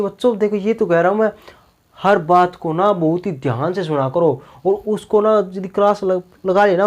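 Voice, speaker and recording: A man's voice: sits high, darkish tone. Man giving a chatty grammar lesson. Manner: keeps asking rhetorical questions and repeating "okay ji". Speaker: teacher. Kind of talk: classroom grammar lecture.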